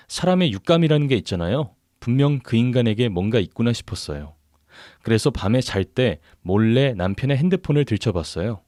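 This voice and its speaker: Expressive male story narrator. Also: mid-range voice, no room sound, clean studio sound. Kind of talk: scripted narration of a listener's story.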